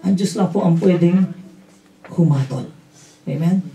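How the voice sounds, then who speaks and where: A man's voice: high-pitched, a little slow, dark tone, faint music behind. A man with a Filipino accent preaching a sermon as pastor, mixing in English and often asking "Amen?" and "no?". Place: church hall. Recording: roomy hall audio from a distance.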